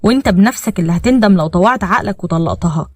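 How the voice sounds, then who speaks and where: A woman's voice: mid-range voice, expressive, rapid-fire, a little mellow, no echo, clean studio sound, natural voice. Name: Osama. Firm, advising brother read by a woman. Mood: admonishing. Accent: Egyptian. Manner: firm, admonishing. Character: steady older brother giving firm advice.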